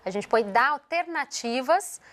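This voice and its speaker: A woman's voice: high voice, lively intonation, measured pace, fairly bright tone. A woman from Brazil, a guest on a TV morning show, explaining how parents can handle tantrums and acting out what a parent might say. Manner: explanatory, acts out parent and child lines. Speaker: educational psychologist guest. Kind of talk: TV morning show interview, giving parenting advice.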